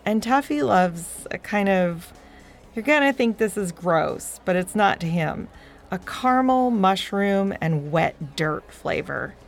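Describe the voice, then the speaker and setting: A woman's voice: medium pitch, lively intonation, slow, vocal fry. A woman narrating a children's story show in a broad, singsong kids' theatre manner, playfully talking straight to young listeners. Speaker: host and storyteller of a children's podcast.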